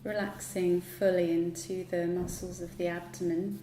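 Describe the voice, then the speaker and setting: In a lowish, level, mellow and dark voice, a woman leads yoga relaxation, unhurried and soothing, with long gaps between instructions. Echo fills the room, and a little background noise can be heard.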